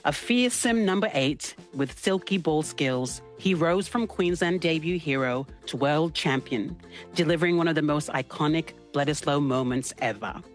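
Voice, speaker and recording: A woman's voice: low voice, moderate pace, faint music behind. A woman hosting a radio interview, with a polished scripted intro and friendly, curious questions.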